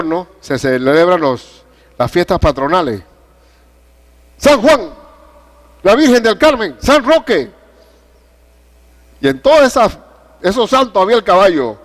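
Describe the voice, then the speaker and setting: An older man, a pastor and grandfather, preaching a sermon with personal stories and questions put to the congregation. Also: high-pitched.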